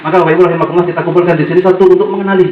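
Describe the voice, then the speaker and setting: A man's voice: sits high, fairly even intonation, rapid-fire. A man giving a fervent, repetitive speech to parents from a podium microphone at a school gathering. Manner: fervent, repetitive preaching cadence. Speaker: boarding school leader addressing parents. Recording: roomy, slightly dull audio with faint ambience.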